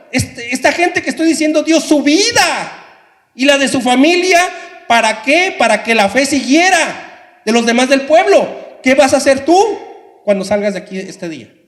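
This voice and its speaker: A man's voice: very high-pitched, expressive, moderate pace. A male pastor preaching an impassioned sermon in a church, often addressing the congregation. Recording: echoey church hall reverb.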